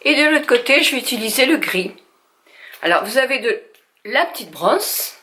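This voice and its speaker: A woman's voice: fairly high pitch, lively intonation, normal speed, bright, forceful tone. An older woman from France chatting through a makeup tutorial at home, talking straight to her viewers with frequent hesitations. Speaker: beauty vlogger.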